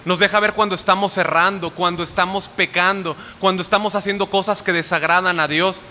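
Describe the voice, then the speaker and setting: A man preaches a sermon, checking in with his listeners through quick questions. His voice sits high and rings very bright. It carries a long hall reverb with a faint hiss underneath. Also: fairly even intonation. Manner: asks the audience questions often.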